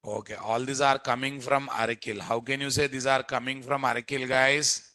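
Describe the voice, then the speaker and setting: A man with an Indian Telugu accent teaching a live software class as instructor, often repeating phrases and quizzing his listeners. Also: mid-range voice, little pitch movement, moderate pace, no room sound. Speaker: programming instructor.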